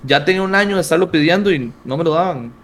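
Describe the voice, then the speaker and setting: Costa Rican young man, slangy and animated. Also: on the high side, fast, a little hiss or hum. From Costa Rica. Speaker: streamer. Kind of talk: casual interview chat.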